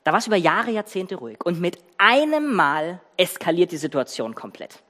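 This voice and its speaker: A preacher giving a sermon in a church, telling the story with lively emphasis and speaking directly to the listeners. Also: mid-range voice, normal speed, long reverb tail.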